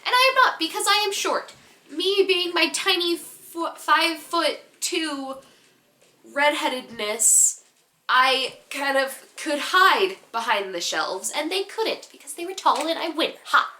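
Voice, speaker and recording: Giggly high-voiced teen girl in echoey room. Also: a little slow. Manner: animated, giggly storytelling with rambling asides. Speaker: vlogger. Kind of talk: casual story time.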